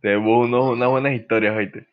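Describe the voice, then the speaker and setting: A man's voice: mid-range voice, fairly even intonation, fast. A young man chatting casually with friends, rambling and slangy, telling stories. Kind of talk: casual chat among friends. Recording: slightly muffled lo-fi recording.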